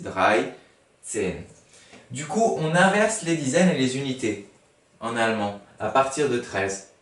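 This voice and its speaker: A man teaching a lesson, spelling words out letter by letter and patiently repeating each one as he thinks aloud. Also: medium pitch. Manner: patient, repeats each word several times. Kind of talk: explaining a language lesson to a class. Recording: echoey room, voice far from the mic.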